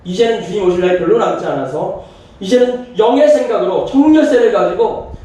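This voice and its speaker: A man's voice: sits high, animated, brisk, dark tone. A male pastor preaching a sermon and telling a story, acting out the people in it in their own voices. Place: church sanctuary. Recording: very echoey church hall from a distance.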